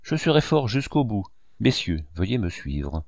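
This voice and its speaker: A man's voice: fairly low pitch, big pitch swings, measured pace, creaky, darkish tone, no echo, studio quality, heavily acted. A man reading the lines of a desperate older male banker in an audiobook, pleading and outraged. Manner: agitated, imploring.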